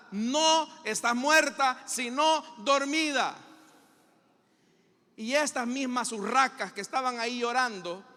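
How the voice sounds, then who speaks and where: A man's voice: very high voice, sharp tone, long reverb tail. A male pastor with a Salvadoran accent preaching a dramatic sermon in a church, full of rhetorical questions and acted-out scenes.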